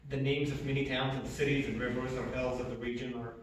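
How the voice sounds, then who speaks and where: A man's voice: medium pitch, flat delivery, fast, background noise. A man, giving an earnest personal testimony with emphatic repetitions. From Egypt. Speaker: speaker. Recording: echoey hall from far off.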